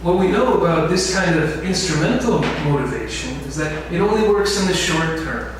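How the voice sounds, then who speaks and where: A man with a fairly high, expressive voice lectures at a moderate pace, often asking his class questions during an info session. He's an instructor in a large, echoey lecture hall, recorded from a distant mic with faint noise.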